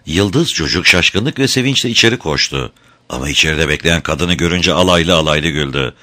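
A man narrating a fairy tale in an expressive, scripted storytelling style. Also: a bass voice, moderate pace.

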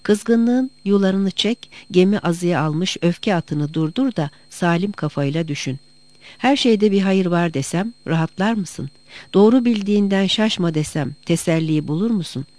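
Calm devoted wife, as an audiobook reader puts her on, soothing, earnest, mid-pitched. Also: measured pace, no echo, lightly acted. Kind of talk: audiobook reading.

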